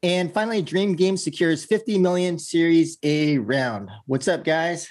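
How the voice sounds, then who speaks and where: A man's voice: fairly high pitch, unhurried, a little mellow. Podcast host, male, informal intro and rundown delivery. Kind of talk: casual show introduction and chat.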